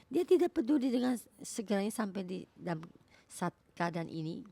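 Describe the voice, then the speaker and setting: A woman preaching a sermon in a halting way, repeating words for emphasis. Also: medium pitch, big pitch swings, vocal fry, warm tone.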